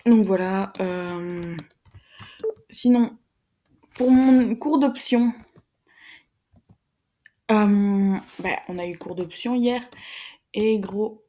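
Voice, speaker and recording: A teenage girl, chatting casually to her viewers in a fast, rambling, slangy way with some swearing. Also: medium pitch, warm tone. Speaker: vlogger, secondary school student. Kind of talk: casual chat to camera.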